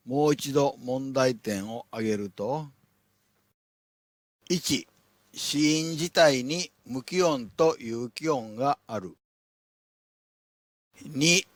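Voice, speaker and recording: A man teaching a language lesson, laying out his points one by one in a deliberate, instructional way. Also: medium pitch, dry recording. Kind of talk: instructional narration.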